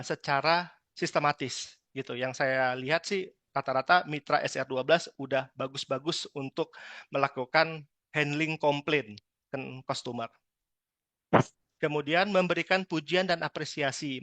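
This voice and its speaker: A man from Medan giving a lively training talk on customer service, acting out customers now and then. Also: fairly high pitch, no room sound. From Medan, Indonesia. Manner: lively, chatty, acts out customer lines. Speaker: sales trainer.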